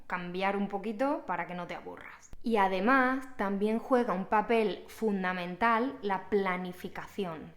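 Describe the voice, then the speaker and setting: A young woman teaching a language, talking casually to camera and explaining each point clearly and patiently to the viewer. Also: medium pitch. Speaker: Spanish teacher.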